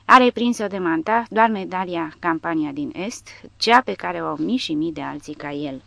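A woman with a low, deep voice narrates an audiobook in a dramatic reading style. The sound is dry and close, with no room around it. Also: vocal fry, dry recording. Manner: reads dramatically, raising voice for shouted quotes.

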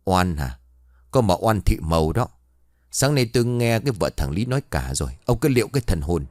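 A man voicing the sharp-tongued, jealous wife of a village chief who scolds servants and her husband. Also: deep voice, big pitch swings, a little fast, no echo. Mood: furious.

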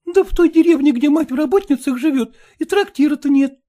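A man reading aloud, voicing a coy, lively young factory girl in a raised voice. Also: extremely high pitch, brisk, pitched above the performer's own voice. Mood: pleading.

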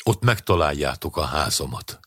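A man voicing a calm, determined older male rescuer in a storybook reading. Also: a bass voice, slightly rough, no echo, studio quality, full character voice. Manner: calm and firm.

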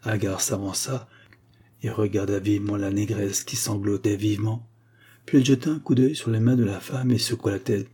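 A man reading an audiobook in a steady, even narration. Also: fairly low pitch, moderate pace, slightly rough.

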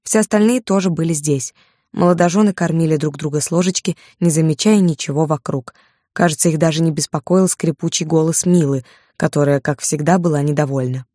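A woman reading an audiobook in the first person, with lively, ironic storytelling. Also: sits low, a little fast, no echo, studio quality. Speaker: audiobook narrator.

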